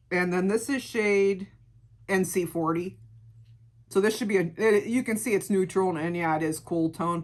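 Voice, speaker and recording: A middle-aged woman with a gravelly voice, chatting casually through a beauty product review and repeating words for emphasis. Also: fairly low pitch. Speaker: beauty vlogger.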